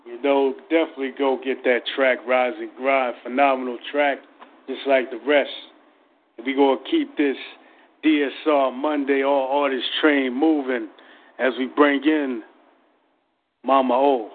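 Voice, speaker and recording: A man's voice: mid-range voice, flat delivery, measured pace, slight background noise. A man hosting a casual call-in radio show in a slangy, encouraging way. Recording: narrow phone-like radio stream.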